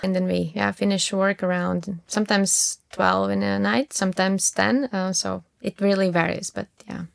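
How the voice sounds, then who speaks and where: Latvian accent woman founder in an interview, gravelly but smooth voice, stumbles and restarts a lot. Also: medium pitch, flat delivery, no room sound, studio quality. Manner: halting, many repeated words and fillers, laughs often. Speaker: startup founder, guest. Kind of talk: casual interview answers.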